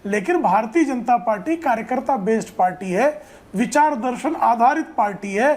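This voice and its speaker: A woman's voice: on the high side, lively intonation, moderate pace, darkish tone. A woman making her party's case in a TV debate, with rhetorical lists. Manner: listing and rhetorical. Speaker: party spokesperson. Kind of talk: debate argument.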